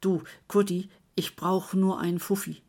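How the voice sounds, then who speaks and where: A woman's voice: on the low side, steady tone, unhurried, a little mellow. A woman voicing a scruffy, wheedling old man with a pleading, plaintive manner in a storybook reading.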